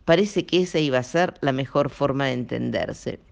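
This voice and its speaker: A man, reading a children's story aloud as an expressive storyteller. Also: medium pitch, moderate pace, creaky. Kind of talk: audiobook narration.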